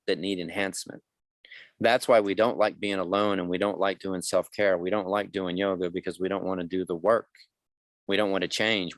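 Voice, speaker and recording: Man, fifties, deep voice, dry studio sound, frank storyteller voicing other people's lines. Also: no room sound. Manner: candid storytelling, acts out quoted dialogue. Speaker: guest. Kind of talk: conversational podcast interview.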